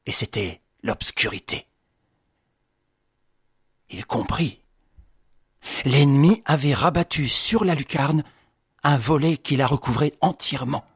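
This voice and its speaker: A man's voice: medium pitch, breathy edge, dry recording, studio quality. A man reading a novel aloud in a dramatic audiobook style, lifting his voice with the action. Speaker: narrator.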